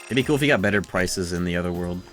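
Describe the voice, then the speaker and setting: A man's voice: sits low, expressive, racing, fairly bright tone, soft background music. A man streaming a video game, chatting casually and rambling into rants with plenty of swearing. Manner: rambling, ranty, swears freely. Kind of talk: casual livestream chat.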